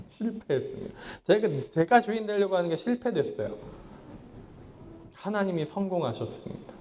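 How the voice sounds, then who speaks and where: A man preaching a sermon as pastor, swinging between loud pleading lines and low hushed ones, acting out his own past thoughts in quotes. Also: big pitch swings, moderate pace, pauses often, slight background noise. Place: small church hall.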